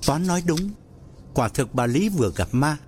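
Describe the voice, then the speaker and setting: A man narrating a ghost story in a slow, measured storytelling manner. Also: a little high, lively intonation, a little mellow, slight background noise.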